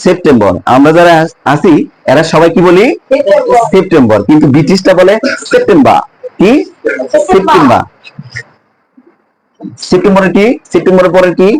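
A man teaching a class, asking his students questions and repeating each word slowly. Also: sits high, darkish tone, rough recording. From Bangladesh. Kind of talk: spoken English pronunciation lesson to students.

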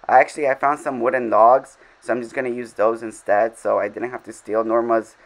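A man's voice: mid-range voice, level tone, a little fast, poor audio. A man giving casual, rambling commentary over his game, full of fillers and self-deprecating asides. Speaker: game vlogger.

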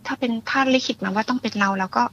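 Fast-talking woman caller on a lo-fi line. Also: fairly high pitch, vocal fry. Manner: fast, animated storytelling. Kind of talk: casual chat.

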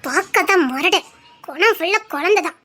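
A woman voices a shy young wife in a Tamil drama. She speaks very high in pitch and stammers hesitantly through her lines. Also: animated, normal speed, pushed and bright, faint music behind.

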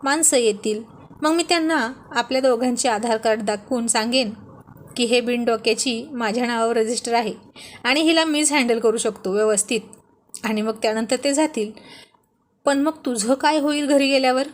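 A woman's voice: on the high side, normal speed, natural voice. A woman voicing a teasing, bossy young husband who mocks his wife playfully. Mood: mocking. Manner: mocking, playful taunts.

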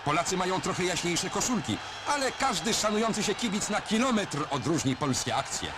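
A man's voice: sits high, big pitch swings, brisk, background noise. A man narrating a 1970s newsreel in a wry, jaunty commentary style, recorded as a studio voice-over. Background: loud music score.

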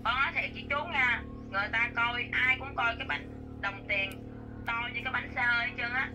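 A woman's voice: a little high, fairly quick, over music, poor audio. A woman, talking eagerly and effusively, often repeating herself. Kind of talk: casual conversation.

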